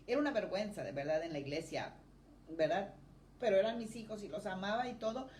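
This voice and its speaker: A middle-aged woman preaching a lively sermon of personal testimony, her phrases rising in emphasis. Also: lowish voice. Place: church. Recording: roomy church echo, faint noise.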